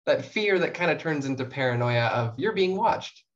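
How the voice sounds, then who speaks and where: Speaking as a guest on a podcast, this young short story writer keeps things chatty and self-reflective in a casual interview. She has a bass voice with lively intonation at a moderate pace, though the highs are cut off.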